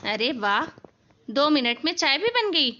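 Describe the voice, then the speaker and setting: A woman voicing a spoiled, bossy young married daughter in an animated family story, snapping and shouting orders. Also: sits high, unhurried, highs cut off, heavily acted. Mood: angry. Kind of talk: animated cartoon voice acting.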